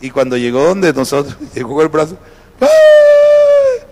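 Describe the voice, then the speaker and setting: A man's voice: mid-range voice, quick pace, a little mellow, a little hiss or hum. A man preaching a sermon as pastor, telling a story and acting out the people in it. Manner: storytelling, acting out quoted voices. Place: church.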